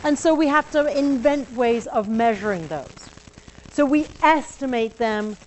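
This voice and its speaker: A woman's voice: high voice, lively intonation, measured pace, darkish tone, a little hiss or hum, low-quality recording. A woman with an accent, lecturing a university class in a conversational way, explaining step by step. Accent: non-local accent. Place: lecture room.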